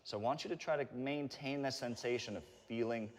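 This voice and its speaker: A man giving calm, encouraging step-by-step instruction as he leads a guided stretching workout. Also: medium pitch, fairly quick. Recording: reverberant room with long echo.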